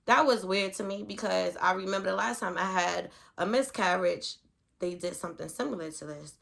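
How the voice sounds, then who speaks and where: A pregnant woman chats to her camera with a bright, ringing voice. Her story spills out in an animated ramble, each thought hooked to the next with "like". Her pitch sits in the middle for a woman. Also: normal speed, creaky. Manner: animated and rambling, leaning heavily on "like". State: pregnant, with hiccups and heartburn.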